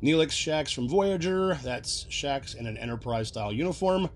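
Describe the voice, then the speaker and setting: A man hosts a casual recap video, explaining references in a chatty way and laughing often. His pitch sits in the middle range. A faint noise hangs behind his voice. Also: expressive, moderate pace. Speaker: video host.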